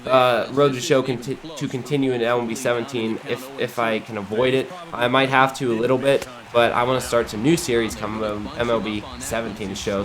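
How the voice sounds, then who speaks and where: His voice is medium-pitched with a fairly bright tone. Hosting a gaming series, this Ohio man rambles conversationally and casually, still a bit sniffly from the flu.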